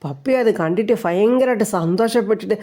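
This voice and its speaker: A woman's voice: medium pitch, fast talker, mellow. A woman retelling the latest episode of a TV serial in a chatty storytelling way, acting out the characters' lines as she goes.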